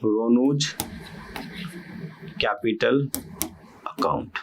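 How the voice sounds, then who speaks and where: A man's voice: mid-range voice, extremely slow, muffled recording, noisy background. A young male teacher explains an accounting idea through a playful story, giving each character a short quoted voice. His talk is easygoing and chatty, and he keeps checking that his students follow along. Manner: acts out partners' quarrels with a CA in quoted voices; checks in often with repeated questions. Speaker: commerce teacher. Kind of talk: casual Hindi lecture with playful storytelling.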